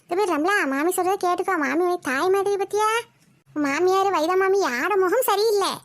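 A nosy, gossiping cartoon auntie with a Kayalpattinam Tamil accent lectures a young bride without pause, voiced by a woman. Her voice sits extremely high and squeaky. She keeps a preachy, meddling tone. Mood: lecturing. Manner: nagging, lecturing. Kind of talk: cartoon voice acting.

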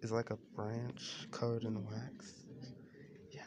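A man's voice: medium pitch, completely flat delivery, slow pace, background noise. A young man filming a casual walk-through of an art museum, musing aloud with curiosity about each piece. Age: young adult. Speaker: vlogger.

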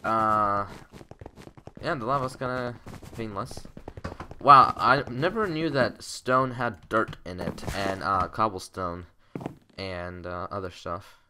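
A man's voice: fairly low pitch, slow pace, sharp tone, a little hiss or hum. A young man chatting casually and joking around while playing a game with a friend. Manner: joking, playful banter. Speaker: gaming channel co-host. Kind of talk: casual gameplay chat.

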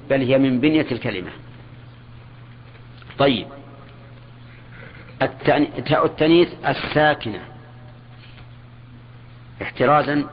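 An older man teaches grammar in a measured classroom manner, repeating key words and questioning his students. His voice sits at an ordinary middle pitch. It comes through a dull, lo-fi old lecture recording with a faint hiss behind it.

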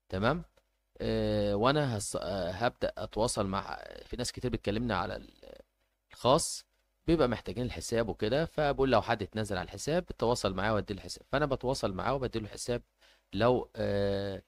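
A man with an Egyptian Arabic accent announcing a giveaway informally as host, hesitating and repeating himself as he goes. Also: fairly low pitch.

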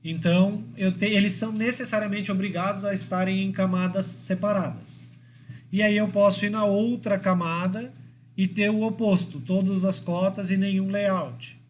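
A man's voice: high voice, steady tone, moderate pace, slight background noise. A man with a Brazilian Portuguese accent giving a university lecture, explaining step by step and checking in with the class. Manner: explanatory, checks in with frequent tag questions. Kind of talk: classroom lecture on drawing software.

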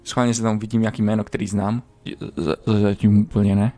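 A man streaming a video game, commenting casually and crudely, swearing often and breaking into sudden high yelps. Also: flat delivery, mellow. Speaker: gaming streamer. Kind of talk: casual let's-play commentary.

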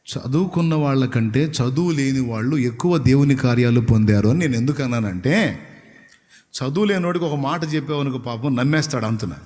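A man's voice: mid-range voice, brisk, a little mellow. A male preacher tells stories in a conversational sermon, often asking his listeners questions. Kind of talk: storytelling sermon. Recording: long hall reverb.

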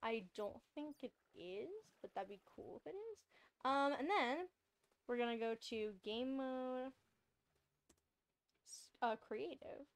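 A woman's voice: high-pitched, lively intonation, slow, pauses often, clear, resonant tone. A young woman streaming a video game, chatting casually and rambling, with frequent laughs. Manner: bubbly, rambling, laughs often. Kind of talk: casual gameplay chat.

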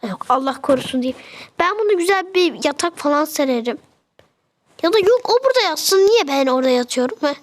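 A woman's voice: sits high, lively intonation, a little fast. A young woman chatting casually as she narrates a game, fretting and exclaiming as she goes. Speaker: game video creator.

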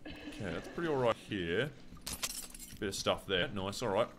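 A man with an Australian accent giving casual gameplay commentary, muttering to himself, swearing and getting excited. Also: lowish voice, normal speed, noisy background. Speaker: gamer.

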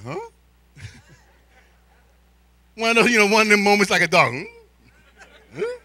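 A middle-aged American man, born in Spain to an American military family, preaches a sermon as a church elder in a large indoor church hall, telling stories and trading call-and-response with his congregation through a handheld microphone. He is animated and theatrical, drawing out his emphasis and swinging from quiet asides to shouts. His voice is very high, with no echo.

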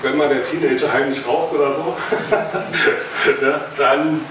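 This man from Berlin, in his thirties, speaks slowly in a fairly high voice with fairly even intonation and a Berlin accent. He gives a loose, joking hobby presentation full of fillers while moving about a meeting room with a projector screen. Captured by a far-off camera, the sound is noisy and heavily echoed.

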